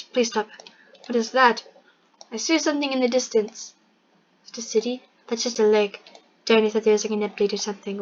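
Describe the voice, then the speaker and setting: A woman's voice: a little high, a bit bright. A woman narrating a space-flight game in a wry, mock-formal way, sometimes drifting into put-on accents. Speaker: gameplay narrator. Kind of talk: gameplay commentary. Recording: dull lo-fi microphone.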